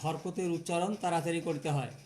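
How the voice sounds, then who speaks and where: A man's voice: fairly high pitch, steady tone, fast talker, a little mellow. A man with a Bangladeshi Bengali accent teaching Quran reading in a patient lesson, repeating each point step by step after a formal greeting.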